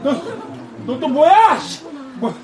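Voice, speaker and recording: An actor playing a desperate, foul-mouthed middle-aged man threatening to jump, shouting and blustering. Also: very high-pitched, lively intonation, drawn-out words, recorded from a distance, some chatter behind, exaggerated voice. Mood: scornful.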